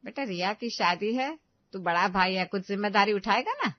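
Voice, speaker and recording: A woman's voice: mid-range voice, lively intonation, normal speed, no echo, highs cut off, lightly acted. A woman voicing a worried middle-aged mother who pleads with her family in a cartoon story. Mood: pleading.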